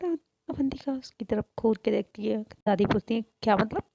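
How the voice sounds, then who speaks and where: A woman casually narrating a romance story in a relaxed, conversational way, in a slightly dull lo-fi recording. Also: a little high, normal speed, vocal fry, noisy background.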